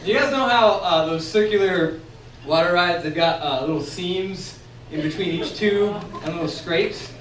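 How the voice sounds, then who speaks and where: A young man from Texas telling a funny personal story on stage at a bar, animated and laughing as he goes. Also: high-pitched, normal speed. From San Antonio, Texas. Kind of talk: comic personal story told live. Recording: echoey room recording from far off, noisy.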